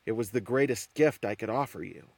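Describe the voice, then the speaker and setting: A man's voice: mid-range voice, a little fast, gravelly, a little mellow, no echo. A man voicing a young, defiant prophet who lectures a council in an earnest, reproachful way.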